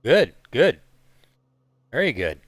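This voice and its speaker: A man hosting a live stream, chatting casually and haltingly while he flies a flight simulator. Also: medium pitch, sing-song, no echo. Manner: rambling, halting, lots of fillers. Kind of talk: casual commentary while flying a sim.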